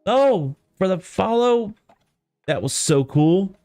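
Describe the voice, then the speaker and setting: Slow yet animated, a high-voiced man from East Texas talks casually through a game livestream in a Texan accent. He rambles in a folksy, self-deprecating manner over soft lofi music. The recording has no room sound.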